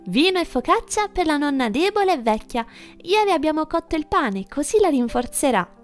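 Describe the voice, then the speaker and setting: Lady doing a cheery little girl voice, high and singsongy, storybook, soft music behind. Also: very animated, moderate pace. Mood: eager. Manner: bright, eager, childlike. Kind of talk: storybook reading.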